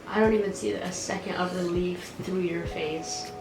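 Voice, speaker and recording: A woman's voice: lowish voice, fairly even intonation, moderate pace, vocal fry, noisy background. A woman chatting casually and teasingly as a companion in a food challenge video. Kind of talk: casual chat. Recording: roomy echo, music behind.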